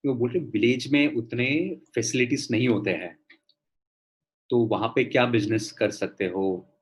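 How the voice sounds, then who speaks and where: A man's voice: medium pitch, unhurried. Rambling man on a video call. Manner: rambling, many fillers and restarts. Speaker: guest entrepreneur. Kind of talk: casual explanation on a video call.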